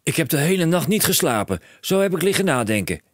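Storybook dad voiced by a man: high, yelling, manic, lively swings, dry close sound. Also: fast, dry recording. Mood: overexcited. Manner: shouting, breathless overexcited rants. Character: excitable bellowing middle-aged father, inventor-mad. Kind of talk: audiobook character voice.

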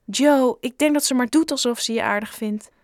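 A woman's voice: normal speed, a little mellow, dry recording, clean studio sound, natural voice. A woman voicing an upset chubby schoolboy who pleads and turns hurt in a children's audiobook. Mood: pleading. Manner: high, pleading and tearful. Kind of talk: audiobook character voice.

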